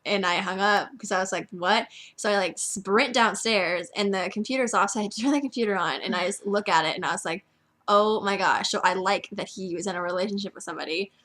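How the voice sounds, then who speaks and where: A woman's voice: medium pitch, fast talker, few pauses, fairly bright tone. A teenage girl casually telling a friend a story at home, filling every phrase with "like". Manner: chatty, constant "like" filler. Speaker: vlogger.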